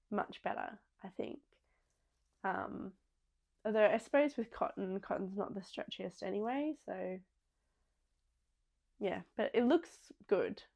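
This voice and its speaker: A woman's voice: medium pitch, gravelly, darkish tone. A young woman hosting a podcast, chatting casually and rambling with many ums and small restarts. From Australia. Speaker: podcast host. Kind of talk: casual chat.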